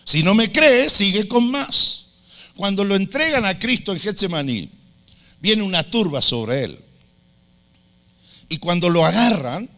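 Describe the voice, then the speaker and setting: A man preaching a sermon, telling stories with humor and acting out the voices of the people in them. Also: sits high. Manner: animated storytelling, acts out voices with humor.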